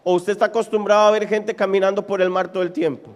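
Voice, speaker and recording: A pastor with a fairly high voice preaches to a live congregation at a quick pace, animated and dramatic, putting questions straight to his listeners and acting out Bible quotes and scenes from the text. The sound is reverberant, a church hall with keyboard music playing.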